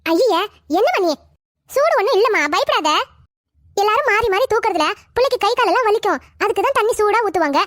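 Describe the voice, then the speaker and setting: Squeaky high cartoon mother-in-law, bossy and scolding, rattles on fast. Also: lively intonation, fairly bright tone, no echo, studio quality. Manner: scolding, dismissive, talks over others. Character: bossy older mother-in-law, sharp-tongued and stubborn. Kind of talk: cartoon family drama voicing.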